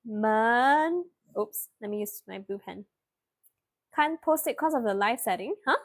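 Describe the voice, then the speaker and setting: A young woman leads a live online spelling lesson, cheerfully praising students by name. Her voice sits high, and she talks at an easy, unhurried pace, drawing words out slowly when she spells them. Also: lively intonation. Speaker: online tutor.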